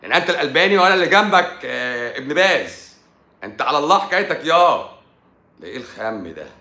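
An Egyptian man, a doctor hosting his own live stream, talking in an animated, sarcastic monologue and repeating points for emphasis. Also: on the high side, racing, roomy sound. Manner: sarcastic, mocks critics in a playful tone; repeats himself for emphasis with frequent stumbles.

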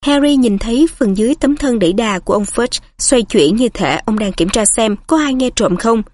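A woman reads a storybook aloud in a steady, even narration. Her voice is fairly high, and the recording is dry and close. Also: moderate pace, dry recording. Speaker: audiobook narrator. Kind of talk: storybook reading.

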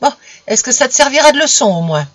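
A woman doing a gruff wounded old father. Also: high voice, big pitch swings, fast talker, no room sound, pitched above the performer's own voice. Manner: gruff shouting. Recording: dull lo-fi recording.

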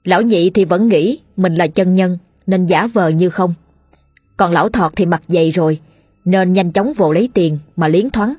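A woman narrating a comic folk story in a lively, colloquial way. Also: fairly low pitch, normal speed, slightly rough, dry recording, faint music behind.

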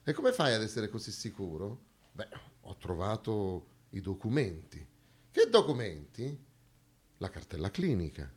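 A stage actor delivers a dramatic theatre monologue built on rhetorical repeated lines, his manner emphatic and declamatory. His lowish, slightly rough voice is sing-song and a little slow.

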